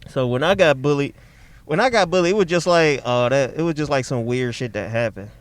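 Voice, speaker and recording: A man's voice: mid-range voice, a little fast. A young man from Detroit, a stand-up comedian, telling loose, profane stories in a casual chat inside a car. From Detroit, Michigan.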